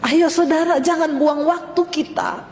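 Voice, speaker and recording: A woman's voice: high-pitched, unhurried, slight background noise. A woman preaching a sermon, earnestly retelling a testimony and acting out the people she quotes. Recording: echoey hall.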